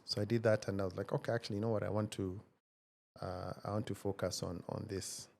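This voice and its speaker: A Kenyan tech founder in his forties, a guest in a casual interview conversation, tells his story in a low, gravelly, darkish voice with fairly even intonation. He's measured and reflective, pausing and hesitating often to find words, over a faint hiss of noise.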